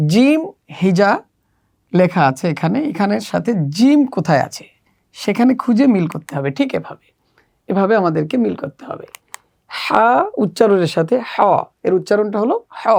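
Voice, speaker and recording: Slow gravelly woman teaching children. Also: medium pitch, a little mellow. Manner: slow, patient step-by-step instruction. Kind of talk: workbook lesson walkthrough.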